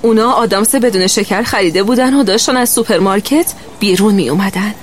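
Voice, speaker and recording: A woman narrating a first-person children's story in a gentle, steady way. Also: medium pitch, slight background noise.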